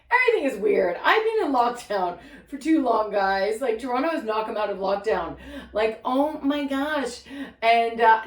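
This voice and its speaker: A woman in her fifties doing a stand-up comedy set, with punchy joke delivery and quick asides to the audience. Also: fairly high pitch, recorded from a distance. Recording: roomy echo.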